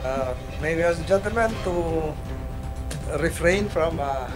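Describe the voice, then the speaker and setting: A man's voice: on the high side, a little slow, over music, rough recording. A man chairing a hearing, speaking formally with frequent hesitations. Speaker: committee chair. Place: legislative hearing room.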